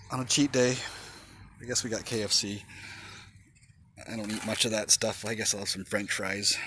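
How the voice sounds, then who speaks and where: A man's voice: lowish voice, a bit bright. A man casually showing off his homemade backyard gym equipment, talking in a rambling way with many fillers and an occasional curse, filmed on a handheld phone outdoors. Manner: rambling, swears when straining, many fillers. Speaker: vlogger. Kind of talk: casual show-and-tell. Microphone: handheld phone camera.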